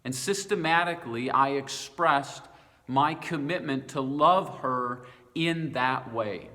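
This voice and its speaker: A man's voice: medium pitch, takes it slowly, sharp tone. A middle-aged male pastor giving a short devotional talk, earnest and personal with light self-deprecating humor. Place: church sanctuary. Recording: long reverb from a large room.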